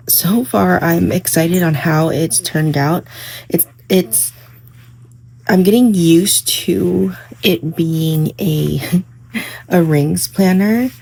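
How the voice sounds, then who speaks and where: A woman with a husky, breathy voice that is still hoarse from just waking up. She speaks slowly and casually, wandering through her thoughts with frequent fillers as she vlogs from home. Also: fairly low pitch. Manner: relaxed, rambling with many fillers. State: morning voice, a bit hoarse. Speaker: planner vlogger. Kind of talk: casual crafting vlog. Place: home, indoors.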